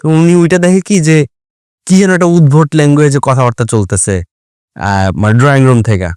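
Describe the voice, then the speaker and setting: A man hosting a casual chat, telling an animated story and mixing English words into Bengali. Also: fairly high pitch, brisk, clean tone, no room sound, clean studio sound. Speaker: podcast host.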